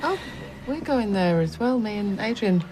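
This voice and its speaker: A woman's voice: mid-range voice, lively intonation, background noise, close to an everyday voice. An actress playing an awkward, reluctant woman in a TV soap, hesitant in speech. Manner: hesitant, drawn-out. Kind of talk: television soap drama.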